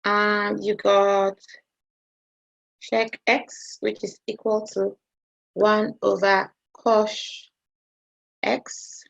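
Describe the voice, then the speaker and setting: A woman's voice: medium pitch, flat delivery, extremely slow, gravelly, long pauses, a bit bright, lo-fi sound. A woman maths teacher giving an online lesson, talking hesitantly and often checking in with her students.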